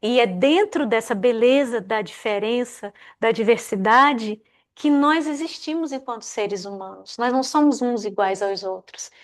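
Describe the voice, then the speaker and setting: A woman's voice: fairly high pitch, normal speed. A woman telling a folk tale aloud. She acts out the characters' voices and often adds small tag questions. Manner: lively, acts out the characters' quoted lines; many fillers like "né?". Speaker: guest speaker telling a tale. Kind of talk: oral storytelling.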